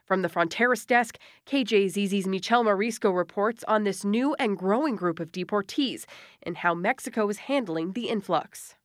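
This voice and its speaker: A female podcast host reading a crisp, scripted news introduction. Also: mid-range voice, normal speed, no room sound, studio quality.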